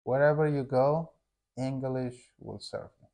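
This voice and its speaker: A young man from Afghanistan, native in Hazaragi, converses in English with his wife in a laid-back way, his voice pitched in an everyday middle range. Sounding like a teacher informally addressing learners, which fits his role as English teacher and channel co-host, he speaks haltingly, searching for words and using "like" often.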